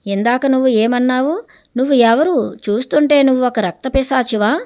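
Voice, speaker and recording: A woman voicing a strong, hot-tempered young man who shouts at a stranger, read aloud as a story. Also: high-pitched, normal speed, close to an everyday voice. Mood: agitated. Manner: shouting, agitated. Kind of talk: storybook reading.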